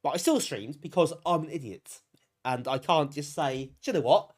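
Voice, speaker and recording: A fairly high-pitched male voice with a darkish tone, speaking at normal speed and stuffed up from a fading cold. He's a British live streamer running a retro gaming stream, casually chatting, making fun of himself and appreciating his audience.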